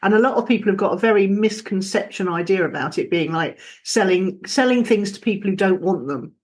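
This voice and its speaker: A woman's voice: medium pitch, lively intonation, fairly quick, darkish tone. A woman hosting an interview on a video call, asking chatty, encouraging questions. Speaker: podcast host.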